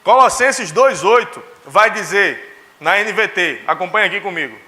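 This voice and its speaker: A young man preaches a sermon. His voice sits high and rings with a bright, forceful edge. He tells stories by acting out the dialogue of his family members. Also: lively intonation, moderate pace. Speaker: pastor. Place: church.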